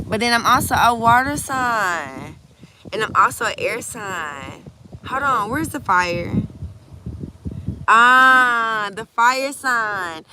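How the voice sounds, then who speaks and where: A woman giving a casual, animated tarot reading outdoors by the water into a phone camera, swinging between hushed and loud. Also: on the high side, noisy background. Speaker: tarot reader. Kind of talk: casual emotional tarot vlog.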